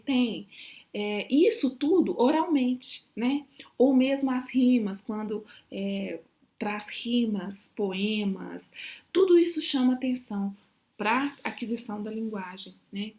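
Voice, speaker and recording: Woman, Brazilian accent, course lecture, explanatory, slow spelled-out example sounds, rather high pitch. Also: darkish tone. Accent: Brazilian Portuguese. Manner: explanatory, often ends points with a tag question; pronounces example syllables and words slowly. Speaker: university lecturer. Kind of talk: recorded distance-learning lecture.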